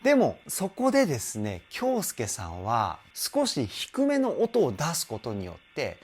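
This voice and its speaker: A man's voice: a little high, darkish tone. A man working as a vocal trainer, giving enthusiastic, explanatory commentary as he analyzes a song.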